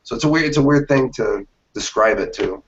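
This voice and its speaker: A man's voice: mid-range voice, brisk, a little hiss or hum. A man in his late thirties, a magician telling stories in a casual interview and acting out the reactions of the people in them. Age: 30s. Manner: animated storyteller, acts out quoted reactions. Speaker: magician guest. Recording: dull lo-fi interview audio.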